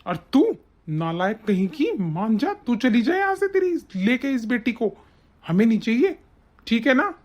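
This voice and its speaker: A woman voicing a harsh, bullying young husband in an animated story, scolding and threatening. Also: on the high side, unhurried, muffled recording. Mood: angry.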